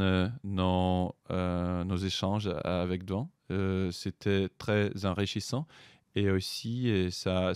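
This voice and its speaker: Middle-aged Ukrainian man, accented French, very deep and slow, hesitant interview guest. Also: smooth, no echo, studio quality. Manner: hesitant, many pauses and fillers. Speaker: guest, writer and soldier. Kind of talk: podcast interview.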